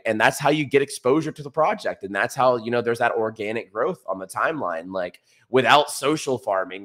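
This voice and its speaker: A man's voice: fairly low pitch, fairly bright tone. A young American man hosting a show, giving casual, enthusiastic and slangy market commentary. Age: young adult. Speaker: crypto show host. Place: small indoor room, streaming setup.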